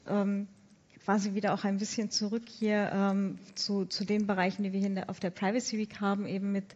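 A woman's voice: mid-range voice, little pitch movement, a little fast, a little mellow. A woman moderates a panel discussion, hesitant, with many fillers and restarts. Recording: dull lo-fi conference audio.

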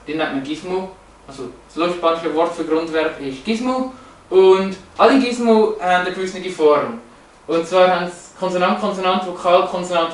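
Man, fairly high voice, many fillers and restarts, lecture talk. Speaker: presenter. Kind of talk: explanatory slide talk. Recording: roomy, echoey, from a distance.

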